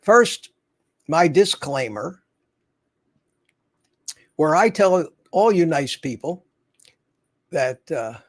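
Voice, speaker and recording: Speaking extremely slowly with long pauses, a Florida man in his seventies runs a casual livestream from home. His fairly high voice has lively intonation as he rambles folksily, reading out viewer comments and responding, and the recording is dry.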